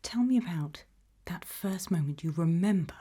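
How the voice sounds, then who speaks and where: Whispering with a breathy quality, a British woman gently and deliberately questions someone as an ASMR interviewer. She sounds somewhat low-pitched and animated.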